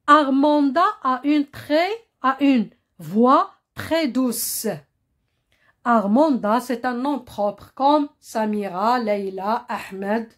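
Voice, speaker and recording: Woman, primary teacher, slightly high voice, slow and patient, lots of repetition. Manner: patient, repeats words, checks with "hein?" and "compris?". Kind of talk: slow classroom explanation.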